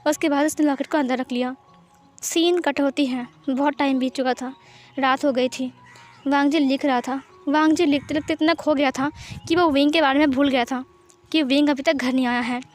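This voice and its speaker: A woman narrating a fan story in a high, bright voice. She tells it in a plain, steady way, dropping English words into her sentences. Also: normal speed. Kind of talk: retelling a fan story aloud.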